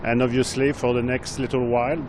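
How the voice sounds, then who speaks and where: Man on the street, halting, lots of uhs, loud traffic noise outdoors. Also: mid-range voice, level tone. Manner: hesitant, many fillers. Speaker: street interviewee. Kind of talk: street vox pop answer.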